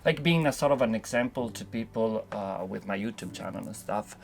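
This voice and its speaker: Creaky-voiced man in a reflective casual interview. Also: lowish voice, lively intonation, a little fast. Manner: philosophical, rambling, informal. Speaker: interview guest, sailor.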